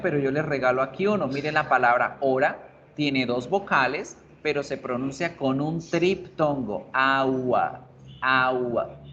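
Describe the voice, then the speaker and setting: A man teaches English pronunciation in an online class. He explains patiently and drills each word again and again. The recording sounds a little dull, with a faint hiss underneath. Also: medium pitch. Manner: explains slowly, repeats words over and over for drilling.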